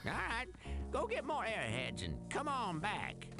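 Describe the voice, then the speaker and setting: An actor playing a folksy old camp shopkeeper in a video game, with drawling sales patter. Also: male voice, high voice, huge pitch swings, unhurried, over music, exaggerated voice. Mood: salesy.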